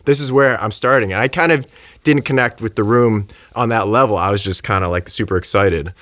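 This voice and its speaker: A man's voice: lowish voice, fairly quick, no room sound. A man, a physician, tells a story in casual conversation and acts out the quotes in it. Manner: animated, acts out quotes, many restarts. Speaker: physician guest.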